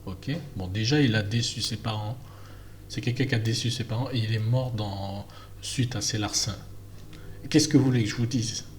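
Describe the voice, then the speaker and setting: A man's voice: lowish voice, normal speed, a little hiss or hum. A man from French Guiana giving an emphatic, casual opinion monologue with many fillers and restarts. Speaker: vlogger.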